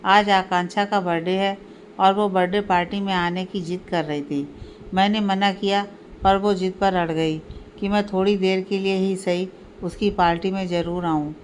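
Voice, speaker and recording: A woman voicing a young working woman, the bride-to-be heroine of a read-aloud family story, speaking softly and reassuringly. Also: mid-range voice, slight background noise, close to an everyday voice.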